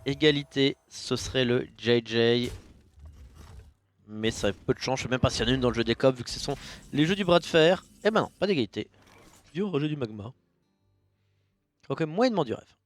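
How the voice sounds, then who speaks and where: A man giving casual, jokey commentary on a card game match, with sudden bursts of loud enthusiasm. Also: mid-range voice, brisk, pauses often.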